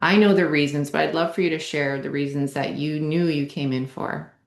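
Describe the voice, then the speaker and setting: A woman coach with a very low voice, affirming and encouraging as she interviews a client. Her voice rings with the echo of the room she is in. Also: fairly even intonation, fairly quick, vocal fry. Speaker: wellness coach and program host. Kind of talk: casual interview.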